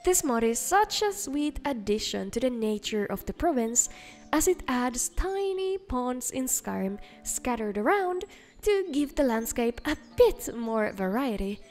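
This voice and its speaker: High-voiced woman narrating a game showcase. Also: very animated, measured pace, darkish tone. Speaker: video game mod showcase host. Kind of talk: scripted narration. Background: faint background music.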